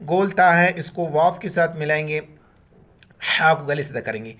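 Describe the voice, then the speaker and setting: A man teaching Quran recitation, chanting words letter by letter in slow drawn-out syllables and explaining each rule in quick plain speech. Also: on the high side, expressive, fairly bright tone. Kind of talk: spelled-out recitation lesson.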